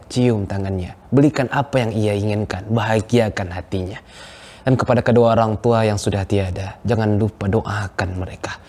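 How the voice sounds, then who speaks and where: A young man from Riau, Indonesia, telling a religious moral story in an earnest, measured way. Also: lowish voice, mellow. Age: young adult. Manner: earnest, measured, chants scripture verses. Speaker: student storyteller.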